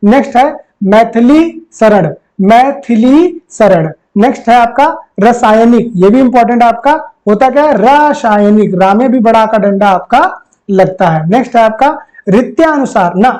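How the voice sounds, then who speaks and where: A man's voice: very high voice, darkish tone, rough recording. Male tutor, exam grammar lesson, repeats words, quizzes viewers, calls them friends.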